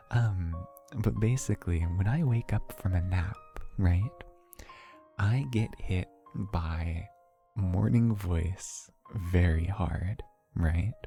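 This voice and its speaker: A young man talks casually to his livestream chat in an unhurried, low voice. His tone is dark and mellow, and he rambles through a story at an easy pace. Faint background music plays under him. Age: young adult. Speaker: VTuber streamer.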